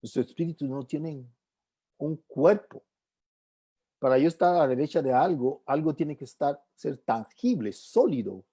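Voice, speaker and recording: A Bible class teacher leading a church class, asking the room rhetorical questions and checking in with quick tag questions. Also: mid-range voice, animated, mellow, husky. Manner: keeps tagging questions to the class; asks and answers rhetorical questions.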